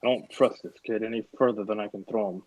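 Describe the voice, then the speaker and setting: Pompous school principal read by a man in a casual table read; low husky voice, dry dull recording. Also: steady tone, fast talker, darkish tone, dry recording, lightly acted. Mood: stern. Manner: stiff, self-important. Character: pompous middle-aged male school principal. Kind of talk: unrehearsed script read-through.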